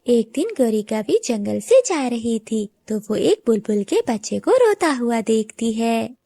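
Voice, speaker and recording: A woman narrating a children's cartoon story in a measured storytelling manner. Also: on the high side, very animated, gravelly, dark tone, no room sound.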